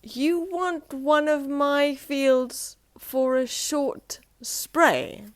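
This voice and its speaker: A woman voicing an easygoing country farmer in a children's story, speaking slowly with a drawl. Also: sits high, sing-song, no room sound, voice pushed up, heavily acted. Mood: amused.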